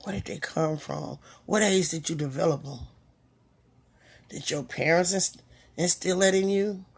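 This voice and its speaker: A woman's voice: lowish voice, vocal fry, husky. A woman hosting her own talk, giving a reflective motivational monologue and asking the listener one rhetorical question after another. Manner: reflective, unhurried, with pauses. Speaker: host.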